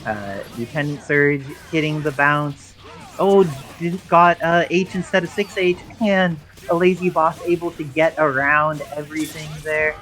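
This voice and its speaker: A man's voice: a little high, fairly even intonation, unhurried, a bit bright, poor audio. Analytical male esports play-by-play caster. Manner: analytical, explains game mechanics at length. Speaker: esports commentator. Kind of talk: live play-by-play commentary.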